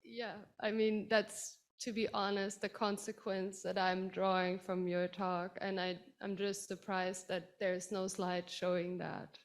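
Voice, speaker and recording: Woman audience member, unhurried, polite and thoughtful as she asks a question. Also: medium pitch, flat delivery.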